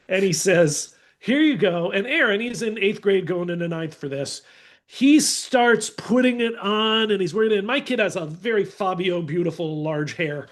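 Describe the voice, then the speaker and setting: Guesting on a podcast, a high-voiced man spins animated, casual stories, performing the voices of the people he describes.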